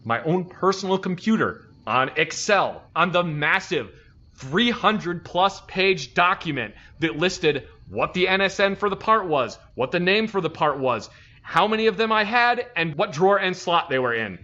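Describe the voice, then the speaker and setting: A man casually telling an animated, profane story about his army days, acting out the people he quotes. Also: sits high, moderate pace, dull audio. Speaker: army veteran telling stories.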